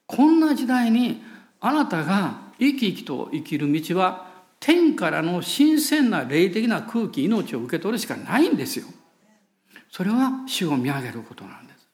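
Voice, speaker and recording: A man with a Kansai accent preaching a sermon as pastor, telling a story in an animated way and laughing at himself. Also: high voice. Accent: Kansai Japanese.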